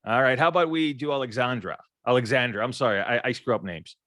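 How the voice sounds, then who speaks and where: A man's voice: medium pitch, quick pace, fairly bright tone, no echo. A middle-aged man from Ukraine moderating a casual panel chat, joking and stumbling over repeated words.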